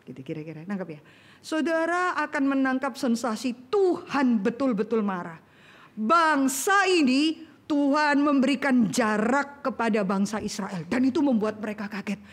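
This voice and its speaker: A middle-aged woman preaching a sermon, animated and acting out voices in everyday slang. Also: high voice, moderate pace. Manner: animated, acts out voices in colloquial Jakarta slang.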